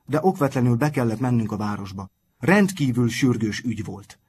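A man's voice: mid-range voice, expressive, a little mellow, husky. A man reading aloud and voicing a clever, insistent teenage schoolboy.

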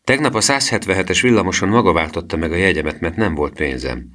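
A man voicing an eager, proud country schoolboy in a storybook reading, talking in an excited, earnest way. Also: deep voice.

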